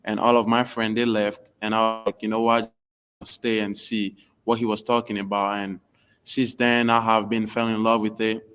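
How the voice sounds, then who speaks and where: A man's voice: fairly low pitch, level tone, normal speed, a bit bright, clear, resonant tone. A young man from Benin with a Beninese accent, telling his story casually in an interview, in informal non-native English. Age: young adult. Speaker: basketball recruit being interviewed.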